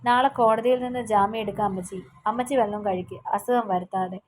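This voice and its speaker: A man's voice: high voice, fairly even intonation, fast, slight background noise, lightly acted. A woman reading a young man's lines in an audio novel, a tired, grieving son who speaks in a heavy, subdued way. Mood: weary. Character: grieving young man, worn out, quick-tempered.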